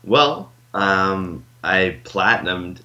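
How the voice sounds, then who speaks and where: A man co-hosting a casual gaming podcast, laid-back and low-key, chuckling and mumbling fillers. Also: animated, extremely slow, sharp tone. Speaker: podcast co-host. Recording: slightly dull lo-fi mic.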